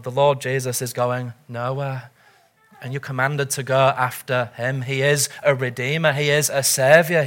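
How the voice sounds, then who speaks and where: A man's voice: on the high side, fairly bright tone. A middle-aged man preaching a sermon as pastor, earnest and urgent, full of rhetorical questions.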